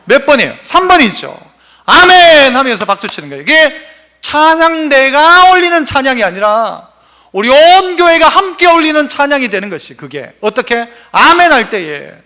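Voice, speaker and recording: A male pastor preaches a sermon in a very high-pitched, bright and forceful voice. He asks the congregation questions and then answers them himself.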